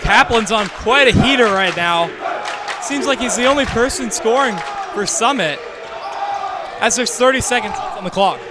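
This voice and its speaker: A man giving live basketball color commentary in a crowded school gym, chiming in with short analysis shouted over the crowd. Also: extremely high pitch, moderate pace, heavy background noise. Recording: loud gym crowd behind.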